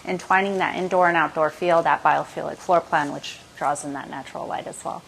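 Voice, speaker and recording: A woman co-hosting a house tour, enthusiastic and quick to agree and add details. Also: low-pitched, steady tone, vocal fry, over a noisy crowd, rough recording. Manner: bright, enthusiastic, chimes in with agreement. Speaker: co-host of the home tour. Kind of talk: casual walkthrough commentary. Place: inside a large house.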